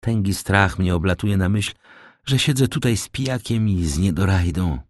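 A sly, envious schemer muttering sardonic asides under his breath, as a male narrator puts him on. The voice sits low, quiet and dry. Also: lively intonation, normal speed, no room sound. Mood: scheming mutter.

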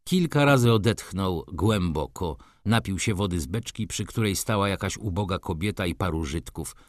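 A man reads a classic novel aloud in a low voice that swings widely in pitch. His storytelling is measured and expressive, recorded close and dry with no room sound. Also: no room sound. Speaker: audiobook narrator. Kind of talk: scripted narration.

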